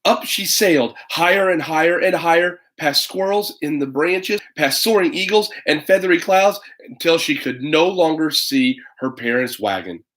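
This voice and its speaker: A man in his thirties with a fairly high, slightly bright voice talks at a normal pace, chatting casually on a livestream. He's a parent reading a children's picture book online, rambling and hesitating as he goes and tossing in playful asides.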